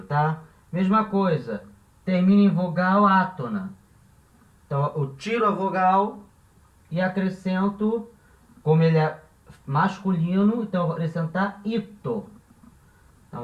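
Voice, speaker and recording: A man's voice: high voice, highs cut off. A man teaching a language lesson. He explains patiently, repeats each example and often checks that the listener is following. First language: Portuguese. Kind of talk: classroom-style lesson explanation. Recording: echoey room, voice from a distance.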